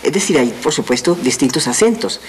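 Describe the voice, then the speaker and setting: An older woman hosting a TV interview, chatty and lively, quick to jump in. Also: a bass voice, a little hiss or hum, poor audio. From Colombia. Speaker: TV host.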